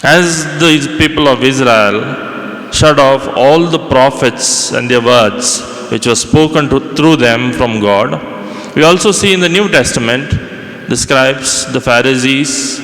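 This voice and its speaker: A man serving as priest, reading the gospel and giving a measured homily with occasional restarts, heard with a cathedral echo. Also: medium pitch, a bit bright. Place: large church. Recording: long echoey church reverb.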